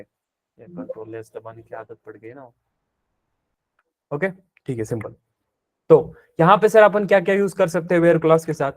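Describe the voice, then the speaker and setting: A man teaching a live programming class, explaining step by step, mixing in English technical terms and asking the students rhetorical questions. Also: a little high. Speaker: programming instructor. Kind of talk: live classroom coding lecture.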